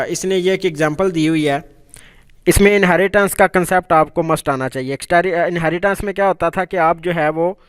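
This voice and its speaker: A man's voice: sits high, smooth. A man with a Pakistani accent teaching programming in a conversational lecture style, repeating phrases and using frequent fillers. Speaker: programming instructor.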